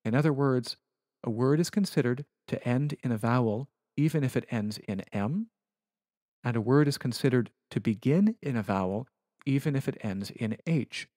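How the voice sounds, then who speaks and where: A man at a mid pitch lectures on Latin verse in a careful, precise way, as if walking through slides. The recording is close and dry, with no room sound. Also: mellow, dry recording. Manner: measured, precise, explanatory.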